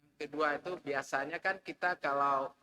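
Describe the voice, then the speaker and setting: A man's voice: fairly high pitch, fairly even intonation, normal speed, sharp tone, long reverb tail. A man with an Indonesian accent, a student politely asking his teacher questions in class. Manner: polite, inquisitive.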